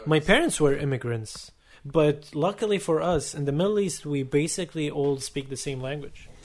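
A man from Syria with a somewhat high voice, in casual conversation. He speaks earnestly and sometimes pauses to find his words. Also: lively intonation, darkish tone. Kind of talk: casual chat.

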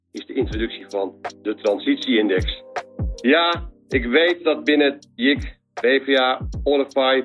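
A man leaving a voicemail message, rattling off industry jargon and questions, heard played back. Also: medium pitch. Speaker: media industry caller. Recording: dull lo-fi voicemail with faint music.

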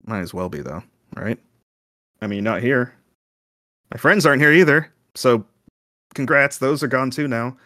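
A man playing a rattled, sarcastic son lost without his friends in improvised tabletop role-play, halting and flustered as he talks. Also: mid-range voice, lively intonation, pushed and bright, dry recording, studio quality. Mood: bitter, sarcastic.

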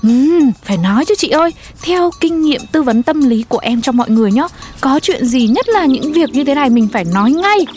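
A woman's voice: high voice, expressive, a little fast, darkish tone, faint music behind. A woman playing a gossipy neighbor. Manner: gossipy, eager.

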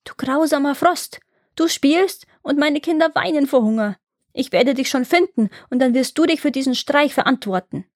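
A woman's voice: high-pitched, moderate pace, a little mellow, no echo, studio quality, voice pushed up. A woman playing a poor, pleading peasant father. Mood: angry. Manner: pleading and plaintive.

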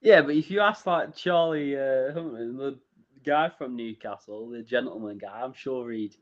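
A man co-hosting a casual film podcast, relaxed and a bit hesitant. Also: medium pitch, normal speed. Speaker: podcast co-host. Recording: dull lo-fi podcast audio.

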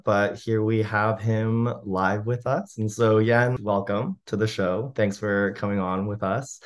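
Male podcast host, lowish voice, upbeat, casual, filler-heavy delivery. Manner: upbeat, chatty, many "like"s.

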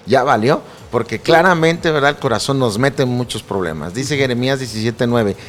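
A man's voice: mid-range voice, moderate pace, a little hiss or hum. A middle-aged man, a pastor earnestly telling his personal testimony and quoting scripture. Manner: earnest, preacherly, quotes scripture.

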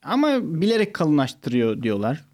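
An animated man talks as a guest on a casual podcast, joking and pushing his voice up for comic effect. His voice sits somewhat higher than most men's. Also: moderate pace. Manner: animated, jokey, jumps pitch for comic effect. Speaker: guest, stage performer. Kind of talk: casual chat.

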